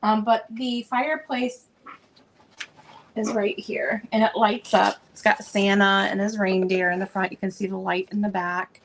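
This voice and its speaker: Gravelly-voiced woman chatting through vintage finds. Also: mid-range voice, little pitch movement, measured pace, a little hiss or hum, low-quality recording. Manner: chatty, meandering, frequent fillers. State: losing her voice. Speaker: vintage seller showing stock. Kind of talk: casual unboxing chat.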